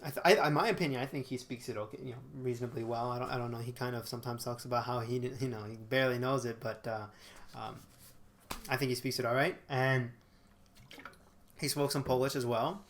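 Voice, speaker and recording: With a mid-range voice, fairly even intonation and a slightly fast pace, the twenty-something vlogger speaks to a webcam in a small bedroom. His talk is casual, marked by frequent fillers and self-corrections.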